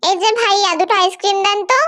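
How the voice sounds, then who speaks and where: A woman's voice: very high voice, steady tone, heavy background noise. A woman doing a comedic fan dub, voicing several characters, scolding and exclaiming. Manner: scolding, exclaiming, quick to laugh.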